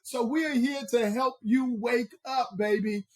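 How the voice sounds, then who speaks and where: Emphatic Southern man, motivational coach. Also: very high-pitched. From American South. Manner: emphatic, preacher-like, drawn-out stresses. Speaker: personal growth coach, co-host. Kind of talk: motivational podcast talk.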